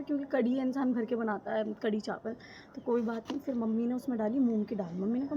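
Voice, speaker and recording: A woman's voice: fairly high pitch, muffled recording, slight background noise. Chatty young woman vlogging on a rooftop. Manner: chatty, rambling, giggly. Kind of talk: casual chat to camera. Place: rooftop outdoors. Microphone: phone camera.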